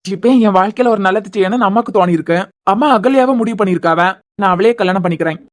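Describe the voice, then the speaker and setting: A woman's voice: mid-range voice, quick pace, pitched below the performer's own voice, close to an everyday voice. A woman voicing a resigned young man in a cartoon serial, with a Kanyakumari Tamil accent. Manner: pleading, resigned. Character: meek young man deferring to his mother.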